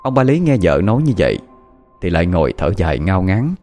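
A man narrating a ghost story in a lively, expressive way. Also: sits low, brisk, faint music behind.

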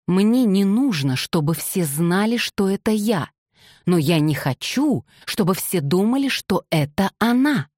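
A woman's voice: mid-range voice, animated, unhurried, a little mellow, no echo, studio quality, pitched above the performer's own voice. A woman reading the lines of a proud, indignant young woman in an audiobook. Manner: indignant, insistent. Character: proud young woman, secret gossip writer.

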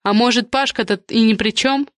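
A woman voicing a blunt, sharp-tongued middle-aged gossip with a curt, knowing manner. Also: a little high, normal speed, no room sound, studio quality, natural voice.

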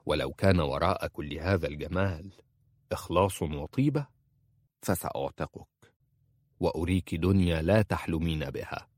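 A man voicing a stern, ambitious emir who speaks slowly and firmly in a storybook reading. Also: low-pitched, lively intonation, darkish tone, dry recording, studio quality. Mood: commanding.

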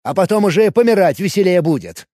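A man playing a rough, yelling elf warrior brute. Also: high voice, big pitch swings, quick pace, no room sound, clean studio sound, pitched above the performer's own voice. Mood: threatening. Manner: coarse, yelling threats. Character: belligerent brutish male elf warrior NPC. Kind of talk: audiobook character voice.

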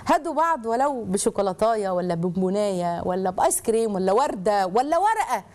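A woman with an Egyptian Arabic accent hosting a casual advice talk, lively and animated, acting out quoted people and dropping laughing asides. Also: mid-range voice, fast. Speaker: host giving marriage advice.

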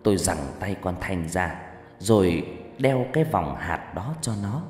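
A man narrating a first-person horror story in an expressive, dramatic way. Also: low voice, measured pace. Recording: echoey reverberant room, faint music.

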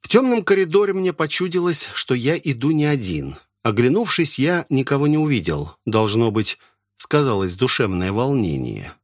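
A man reads a dark first-person tale with a lively, animated delivery at a mid pitch. The recording is close and dry, without any room echo. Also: normal speed. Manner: expressive storytelling. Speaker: audiobook narrator. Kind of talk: first-person literary narration.

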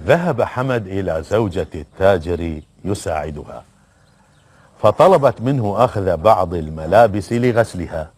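A man narrating a folk tale in a calm, measured storytelling voice. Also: fairly low pitch. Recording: background music.

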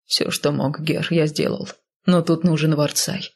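A woman voicing a male healer who speaks dryly and without emotion, in a low mumble. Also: a little slow, vocal fry, heavily acted. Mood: dry clinical. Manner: dry, flat and unemotional, mumbling. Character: dry, matter-of-fact male healer.

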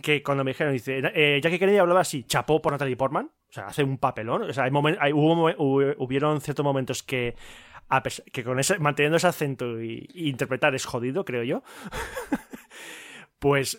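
A man's voice: mid-range voice, a little fast, fairly bright tone. A man, rambling sheepishly and repeating himself as he gives his opinion on a film in casual podcast chat.

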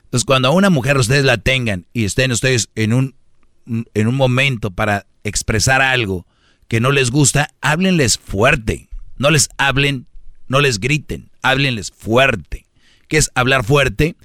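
A man's voice: medium pitch, moderate pace, fairly bright tone, dry recording, studio quality. A man hosting a comedic radio show, joking and giving advice. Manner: joking, lecturing. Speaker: radio host.

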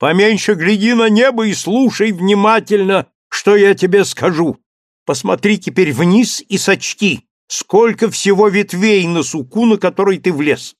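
A man doing a feverish gentleman shouting up. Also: high-pitched, unhurried, no room sound, studio quality, pitched above the performer's own voice. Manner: urgent, shouted commands. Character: excitable obsessed gentleman, feverish, commanding. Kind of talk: audiobook character voice.

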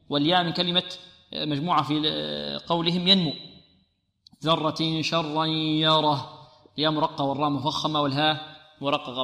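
A man teaching tajweed, his voice bright and a little high. He asks his students questions and answers them himself, and he recites each verse slowly and carefully. The room around him is echoey, with long reverb. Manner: explains rules, then drawls verses slowly. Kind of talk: tajweed lesson with slow recitation.

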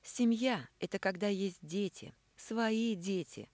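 A woman's voice: medium pitch, sing-song, moderate pace, darkish tone, no echo, voice pushed up, close to an everyday voice. A woman voicing a vengeful, scheming woman who taunts in a sugary, cold tone, reading an audiobook.

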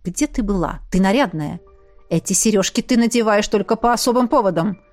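A woman's voice: mid-range voice, brisk, a little mellow, soft background music, natural voice. A woman reading the part of a jealous, hot-tempered young male shapeshifter who growls and sneers. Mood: angry.

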